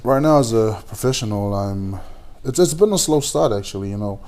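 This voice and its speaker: Low-voiced guy in his 20s, from samoa, lots of uhs and restarts, boxer being interviewed. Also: expressive, a little mellow. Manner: halting, many fillers and restarts. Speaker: guest, pro boxer. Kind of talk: casual interview.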